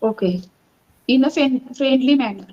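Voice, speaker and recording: A woman's voice: sits high, moderate pace, mellow, dull audio. A woman practising English with a tutor. She answers mostly with short affirmations and repeats corrected words after the tutor. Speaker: English learner.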